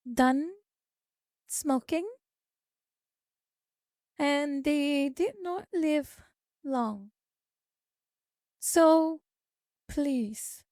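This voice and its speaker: In clean studio sound with no echo, a VTuber streamer with a high, slightly mellow voice chats with her live audience. She reads their messages aloud and lectures them along the way.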